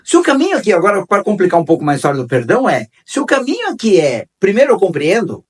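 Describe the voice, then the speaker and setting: A man's voice: high-pitched, huge pitch swings, fast talker, slightly rough, far from the mic. A man hosting a conversational talk on forgiveness, repeating key phrases and telling stories. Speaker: host.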